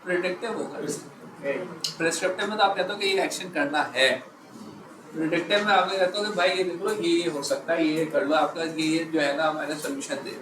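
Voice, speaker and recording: A man teaching a live class, quizzing his students and stopping often to check that they follow, slowing right down on the key phrases. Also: a little high, fairly even intonation. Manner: slows down to stress key phrases. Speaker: instructor. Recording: echoey room, background noise.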